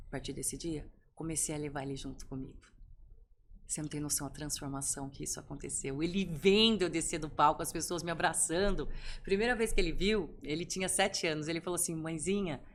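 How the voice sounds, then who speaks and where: A middle-aged woman speaking as a podcast guest, telling stories with lively rhetorical questions. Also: deep voice, a little hiss or hum. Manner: animated storytelling, rhetorical questions. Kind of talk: conversational interview.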